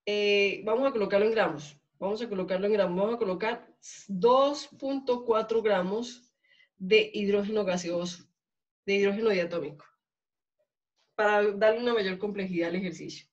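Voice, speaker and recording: A Colombian woman teaches a chemistry lab class, pausing often to ask her students whether they follow. The recording is dull and lo-fi, made in a classroom. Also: medium pitch. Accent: Colombian Spanish. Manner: checks in often with questions to students. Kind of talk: classroom lecture.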